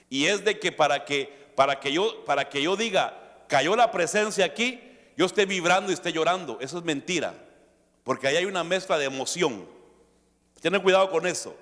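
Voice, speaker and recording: A male pastor preaching a sermon, shifting between quiet asides and loud emphatic peaks. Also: on the high side. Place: church hall. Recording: long hall reverb.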